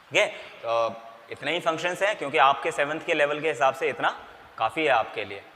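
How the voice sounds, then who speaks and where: A man's voice: on the high side, expressive, brisk, sharp tone. A man teaching an English grammar lesson in Hindi, asking and answering his own questions and spelling out letters. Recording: long reverb, faint background noise.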